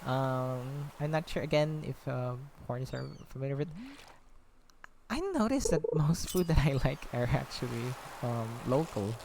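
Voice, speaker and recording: With a mid-range, darkish voice and noticeable vocal fry, a Filipino gaming vlogger talks at a moderate pace while playing. His casual chatter rambles, full of fillers like um, with a slightly breathless quality and frequent tangents. The recording has a faint hiss or hum.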